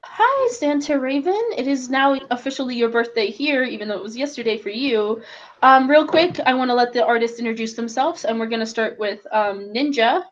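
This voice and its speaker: A woman's voice: a little high, animated, fairly quick, highs cut off. A woman hosting a casual drawing stream, introducing her guests in a playful, teasing way with frequent laughs. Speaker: stream host.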